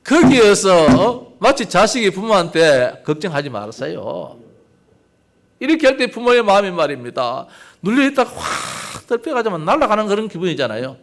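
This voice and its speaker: A man's voice: sits high, sing-song, moderate pace, vocal fry, a bit bright. An older man preaching a sermon as pastor, talking conversationally and asking the congregation rhetorical questions.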